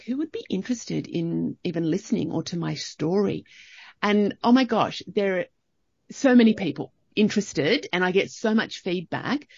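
A woman's voice: lowish voice, darkish tone, no echo, dull audio. A woman with an Australian accent hosting a casual podcast chat, effusive and enthusiastic. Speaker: podcast host.

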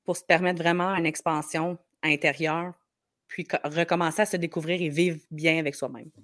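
A woman with a Quebec French accent explains things informally in an interview, her voice hoarse and gravelly from a slight head cold. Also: low-pitched, steady tone, moderate pace, a bit bright, no echo, clean studio sound. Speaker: podcast guest, marketing strategist.

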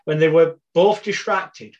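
A man's voice: on the high side, steady tone, measured pace, muffled recording. A British man in his forties, a podcast guest telling life stories in a rambling, wry, anecdotal way. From Britain. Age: 40s. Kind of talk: casual storytelling interview.

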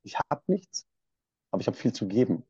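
A man from Swabia tells his own story as a podcast guest, quickly and with passion. His voice is dark and a little husky. The recording is dull and dry, with no room sound. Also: on the low side, very animated, no echo. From Swabia, Germany. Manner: passionate, emphatic. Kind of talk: personal storytelling.

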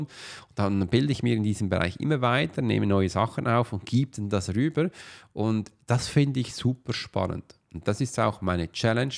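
Man, podcast host, casual monologue, rambling, filler sounds, deep-ish, creaky. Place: at his computer while uploading a video.

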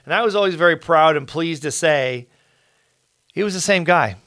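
A middle-aged man hosting a podcast, telling a story in an earnest, animated way with frequent restarts. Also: a little high, moderate pace, no room sound, studio quality. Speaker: podcast host. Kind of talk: casual storytelling.

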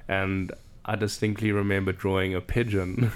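Low, smooth-voiced man from South Africa. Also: level tone, moderate pace. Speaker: podcast guest. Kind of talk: casual chat. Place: cabin.

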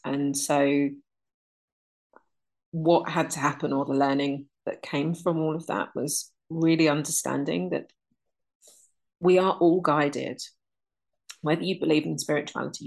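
Low-pitched and gravelly, this voice belongs to a woman in her 30s who teaches energy alignment. As an interview guest she reflects earnestly and without hurry, often rattling off lists.

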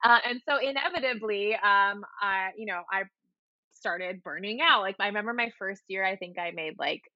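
A woman's voice: mid-range voice, normal speed, dry recording. A woman in her thirties from Hawaii, a guest on a podcast, chatting casually from her home apartment over a call, full of "like" and the odd curse word. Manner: chatty, peppered with "like", casual swearing. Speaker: podcast guest, wedding photographer. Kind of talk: casual interview chat. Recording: dry, slightly dull lo-fi sound.

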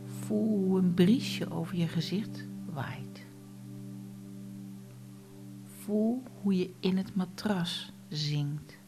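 A woman guiding a relaxation meditation, speaking softly and often in a whisper. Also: lowish voice, over music. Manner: slow, soft, often whispered instructions. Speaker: meditation guide.

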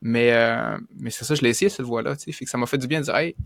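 A man with a Québécois accent speaking earnestly and haltingly about personal matters in a casual podcast chat. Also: mid-range voice, steady tone, vocal fry, no room sound, clean studio sound. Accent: Québécois French. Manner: earnest, halting, self-correcting. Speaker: podcast participant.

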